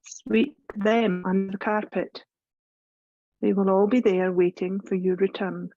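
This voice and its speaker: Leading a guided meditation, this yoga teacher speaks in a soothing, medium-pitched voice that stays mellow and relaxed, never rushing her directions. Her recording is dry, a bit dull, and carries no room sound.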